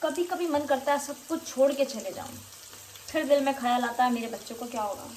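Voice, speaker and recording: A woman's voice: sits high, a little fast. Young woman chatting frankly at home. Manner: frank, scolding children at times. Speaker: vlogger and mother. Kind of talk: casual home vlog chat. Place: home in northern India. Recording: faint background noise.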